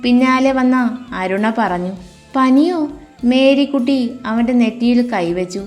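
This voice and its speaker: A woman's voice: on the high side, normal speed, a little mellow. A woman reading a family love story aloud and voicing every character herself. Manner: shifts tone between narration and dialogue. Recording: faint music behind the voice.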